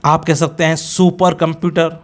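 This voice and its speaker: This middle-aged classroom teacher has an Indian accent and a voice on the high side with a level tone. Mixing Hindi and English, he works through a grammar lesson, drilling example sentences in a slow, deliberate way.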